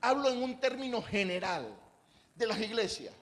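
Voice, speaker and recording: High-voiced man preaching a sermon. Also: lively intonation, moderate pace, a bit bright. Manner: preaches conversationally, asks the congregation questions, acts out quoted voices. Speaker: pastor. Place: church.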